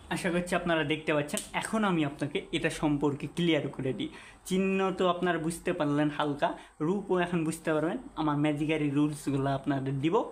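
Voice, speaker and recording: A man teaching an English grammar lesson at a whiteboard, asking the class questions and repeating the key points. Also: fairly high pitch. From Bangladesh. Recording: echoey room, faint background hiss.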